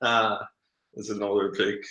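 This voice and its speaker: A Guatemalan man in his thirties, a marketing coach, hosts a casual webinar, chatting informally and using plenty of slang. His lowish voice is level in tone and unhurried, yet pushed and bright. The room sounds echoey.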